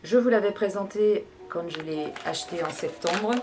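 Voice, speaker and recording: A woman's voice: lowish voice, moderate pace. A woman chatting casually about teas she drinks, hesitating often with fillers and restarts. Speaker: tea vlogger. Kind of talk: casual product review. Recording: background music.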